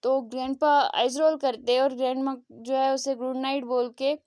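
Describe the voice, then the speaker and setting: Woman storyteller, casual, chatty, high pitch. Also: steady tone, normal speed, darkish tone, no room sound, clean studio sound. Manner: chatty, many fillers. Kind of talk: casual fanfiction retelling.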